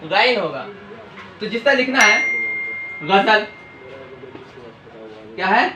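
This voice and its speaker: A man's voice: high-pitched, animated, takes it slowly. A man teaching a language lesson at a board, asking questions and answering them himself in a call-and-response style. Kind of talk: classroom lesson at a whiteboard. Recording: echoey room with faint hiss.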